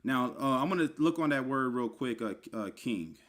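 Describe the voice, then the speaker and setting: Here a religious teacher, a man with an expressive, fairly bright mid-range voice, moves at a moderate pace through the meanings of scripture words. It's a casual online teaching session with screen share, and he spells terms letter by letter. He's informal, calls the listener brother, and uses many fillers and asides.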